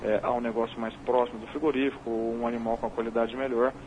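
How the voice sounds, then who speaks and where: A man with a Brazilian accent, a market analyst, explaining prices in a measured, analytical way while heard over a phone line. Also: mid-range voice, level tone. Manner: measured, analytical, tags points with "né?". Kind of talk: explaining market figures on a call-in interview. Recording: dull phone line with faint noise.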